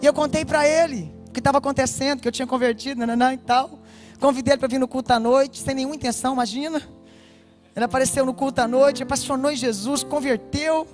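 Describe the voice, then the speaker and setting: High-voiced Brazilian woman pastor testifying. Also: fast talker, faint music behind. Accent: Brazilian Portuguese. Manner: animated storytelling, addresses listeners directly. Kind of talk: personal testimony told to a congregation.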